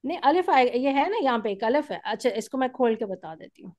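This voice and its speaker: A woman's voice: on the high side, sing-song, brisk, a little mellow. A woman teaching an Arabic grammar class online, explaining patiently step by step and often checking that students follow. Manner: patient, explains step by step with frequent "theek hai?".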